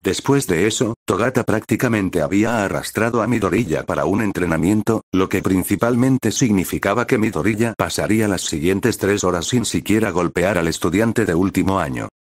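A man reading a fanfiction story aloud in an even, unhurried manner. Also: sits low, no echo, studio quality. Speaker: fanfiction reader. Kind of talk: read-aloud narration.

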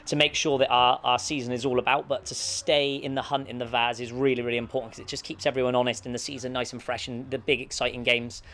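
A man's voice: medium pitch, fast talker, few pauses. A man in his thirties, a football manager, giving a post-match interview outdoors in an empty stadium stand, talking steadily with many restarts and fillers into a handheld mic. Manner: steady, flat delivery with frequent restarts and fillers. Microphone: handheld mic with windshield held close.

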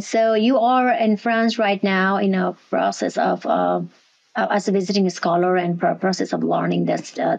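A woman's voice: medium pitch, gravelly, a little mellow. A woman hosting a podcast interview from an office over a video call, speaking in loose, rambling phrases with fillers. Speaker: podcast host. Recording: dull lo-fi call audio with faint music.

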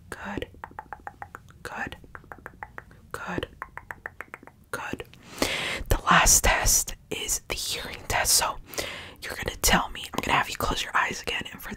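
A young woman whispering quickly in a breathy ASMR whispered role-play as a brisk medical examiner, very close to the microphone. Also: on the low side, sharp tone. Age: young adult. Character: brisk female medical examiner talking to a patient. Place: small bedroom, indoors. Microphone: large microphone right at the mouth.

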